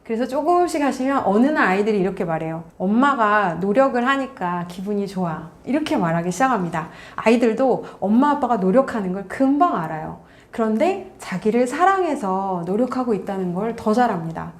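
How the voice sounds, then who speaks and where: 높은 목소리로 부모 대화법을 가르치는 여성 상담가. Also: female voice, on the high side, big pitch swings, fairly quick, hardly any pauses. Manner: warm instructive, acts out parent and child lines. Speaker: parenting counselor. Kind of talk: parenting lecture.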